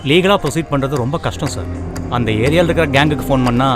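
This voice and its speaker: A man's voice: mid-range voice, fast talker, music in the background, close to an everyday voice. An actor playing a scheming male police constable, in a dubbed film. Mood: matter-of-fact.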